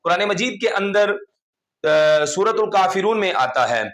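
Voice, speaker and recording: Man teaching quran recitation, patient and repetitive, fairly high voice. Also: lively intonation, unhurried, fairly bright tone. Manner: patient, repetitive explaining with frequent "theek hai". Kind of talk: explanatory online lesson.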